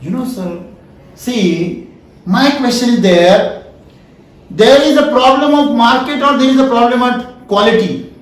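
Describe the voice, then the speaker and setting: Indian english man, high voice, seminar lecture, call-and-response questions. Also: unhurried, recorded from a distance. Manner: repetitive questioning, asks "yes or no?". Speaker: founder giving a farming seminar. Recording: echoey room recorded from afar.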